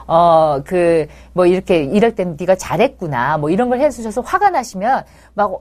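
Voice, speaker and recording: Lively, chatty woman giving parenting advice. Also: medium pitch. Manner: animated, playfully acts out parents' and children's lines; chatty and reassuring, addresses mothers directly. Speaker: child psychology expert and host. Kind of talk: live parenting advice answering viewer comments.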